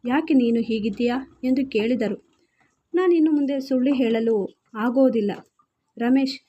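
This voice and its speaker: A woman narrating a scripted first-person story in a steady, earnest reading. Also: on the high side, highs cut off, a little hiss or hum.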